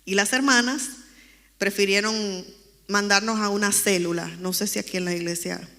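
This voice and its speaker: A woman recounts her personal testimony in a church sanctuary, speaking with earnest emotion. Her voice is bright and forward, and the room gives it a long, ringing reverb. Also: mid-range voice, fairly even intonation, normal speed. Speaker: church member giving testimony.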